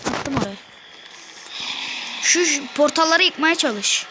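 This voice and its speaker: A woman playing a video game with her son, giving quick orders and scolding. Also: sits high, animated. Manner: bossy, hurried, calls out orders. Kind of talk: casual gameplay chat. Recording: noisy home recording.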